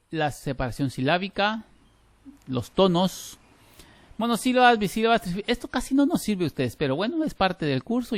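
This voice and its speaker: A middle-aged man lectures on grammar over a video call. He talks with animated emphasis and keeps restarting his phrases. The sound is dry and close. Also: mid-range voice, no room sound. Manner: lively, emphatic, with frequent restarts. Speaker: teacher. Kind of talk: online class lecture.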